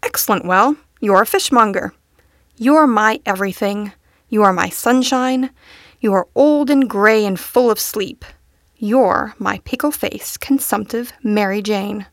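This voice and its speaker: A woman's voice: mid-range voice, measured pace, dry recording, natural voice. Giddy male butterfly, playful, sing-song, rambling, dry recording, woman reading. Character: giddy dandy male butterfly, quoting nonsense.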